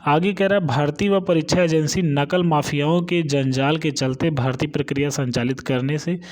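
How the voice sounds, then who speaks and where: The man's voice is slightly high and darkish, with fairly even intonation and a normal speed. As an informal channel host, he lays out exam updates point by point, checking in with listeners as each phrase wraps up.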